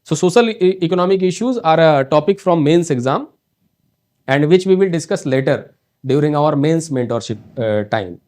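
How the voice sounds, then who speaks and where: A North Indian man, a coaching teacher, lectures on exam topics in accented English. His voice sits a bit high for a man, and he talks in a halting way, full of fillers and restarts. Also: lively intonation, a little mellow. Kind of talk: online exam prep lecture.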